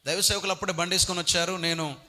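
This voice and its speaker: A man preaching a sermon as pastor, swinging from quiet talk to shouted appeals. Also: high-pitched, fairly even intonation, rapid-fire, big-room sound.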